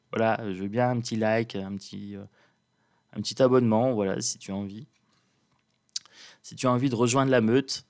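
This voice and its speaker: A man, a card reader, chatting casually to his viewers while presenting an oracle deck, calm and playful in a sleepy morning voice. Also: medium pitch.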